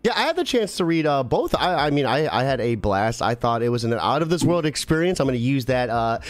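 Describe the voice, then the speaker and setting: A man's voice: mid-range voice, very animated, fairly quick, no echo. A man in his thirties hosting a casual interview, enthusiastic and full of fillers. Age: 30s. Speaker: interviewer, host. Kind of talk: casual video-call interview.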